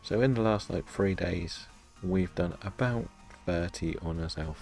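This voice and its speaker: A man with a distinctly low voice talks casually through a game on his stream. He is low-key and a little self-deprecating, chatting to viewers as he goes. Faint music plays behind him. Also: unhurried, vocal fry, a little mellow. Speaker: live-streaming gamer.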